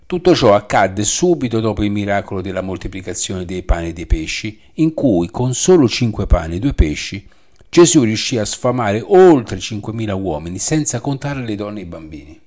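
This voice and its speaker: A man teaching a Bible study, reading scripture aloud and explaining it in a measured way that repeats the references. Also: fairly low pitch, sing-song, a little mellow.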